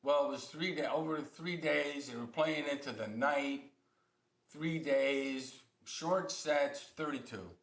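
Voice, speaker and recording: A man's voice: a little high, slow, fairly bright tone. Joking male guest, emphatic and rambling. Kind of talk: casual interview chat. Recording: roomy studio with faint hiss.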